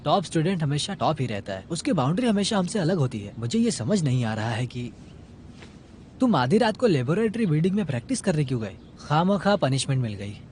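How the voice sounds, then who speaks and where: A man's voice: on the high side, big pitch swings, fairly quick, darkish tone, a little hiss or hum. An actor dubbing a bitter young male college student who talks in an irritated, complaining way.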